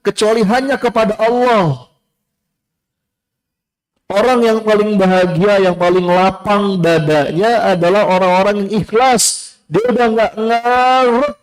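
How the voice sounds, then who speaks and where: A man giving a casual sermon to a live audience, lively, acting out voices in his story and repeating key phrases. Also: high-pitched. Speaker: preacher.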